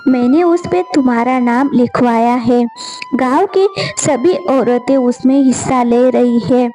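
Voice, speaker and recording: A woman's voice: high voice, measured pace, warm tone, poor audio. A woman voicing an eager, chatty village neighbor in a storybook, calling out with news. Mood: excited.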